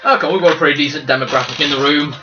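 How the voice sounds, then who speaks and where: A man running a tabletop game as game master, his voice sitting a little high. He tosses off jokes and quick asides between bits of narration. The sound is dull and lo-fi, with music clearly heard behind him.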